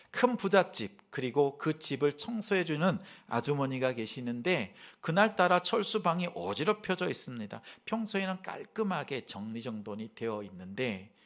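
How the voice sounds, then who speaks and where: A male pastor preaching in a church. He tells the story with lively swings between a raised voice and a near-hush, at a middle pitch. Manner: animated, swinging between loud and hushed. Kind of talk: sermon with storytelling.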